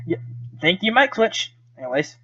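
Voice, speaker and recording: A man's voice: high-pitched, big pitch swings, normal speed, bright, forceful tone, slightly rough, highs cut off. A man reading a visual novel aloud as a streamer, casual and conversational, cursing at his slips and rereading lines.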